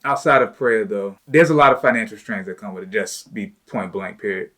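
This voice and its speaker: A man's voice: lowish voice, brisk, fairly bright tone. A man hosting a casual chat with his wife, talking loosely and informally with plenty of "you know" and "like" fillers. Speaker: host, entrepreneur.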